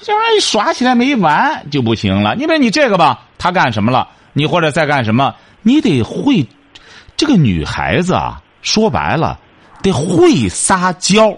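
A man's voice: fairly high pitch, huge pitch swings, normal speed, breathy edge. A man hosting a radio advice show, lecturing a caller in an emphatic, repetitive way.

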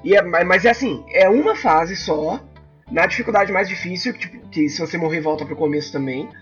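A man, co-hosting a casual chat about video games, animated and full of restarts. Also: high voice, fairly quick, faint music behind. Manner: animated, frequent fillers and restarts. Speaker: podcast co-host. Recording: slightly dull lo-fi sound.

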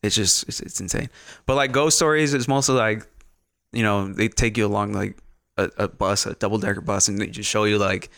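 A man's voice: on the low side, steady tone, a little fast, creaky, a bit bright, smooth, dry recording, clean studio sound. A young man, a guest on a casual podcast, rambling with repeated words and easy laughs.

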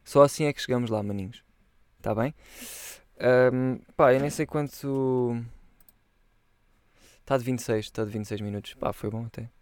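A man's voice: mid-range voice, moderate pace, pauses often, darkish tone, smooth, no echo. A young man chatting casually on a solo podcast, rambling in loose slang and swearing freely. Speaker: podcast host.

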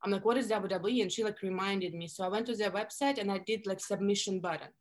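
A woman's voice: mid-range voice, quick pace. Russian-accented woman in her thirties, chatty. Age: 30s. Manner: animated storytelling with many fillers. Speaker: guest. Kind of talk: casual interview chat.

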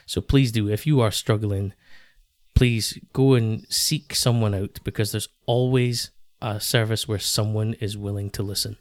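A man hosting a podcast in casual talk, earnest and a little halting, often repeating his phrases. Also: on the low side, fairly even intonation, no room sound, clean studio sound. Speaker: podcast host.

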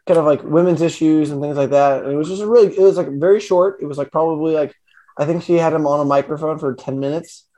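Man, casual podcast chat, somewhat high voice, rambling, lots of restarts. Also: fairly even intonation, quick pace, mellow. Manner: rambling, many fillers and restarts. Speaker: podcast co-host.

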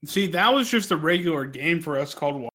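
A man's voice: a little high, expressive, brisk, pushed and bright. A man hosting a podcast in casual, crude, joking chat with plenty of swearing. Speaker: podcast host.

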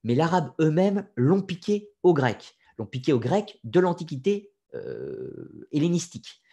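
A man's voice: fairly high pitch, huge pitch swings, measured pace, gravelly, warm tone, slightly rough. A man giving an unscripted lecture, explaining step by step, hesitating often with fillers and restarts, and talking straight to his listeners with opinionated asides. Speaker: lecturer on occult history.

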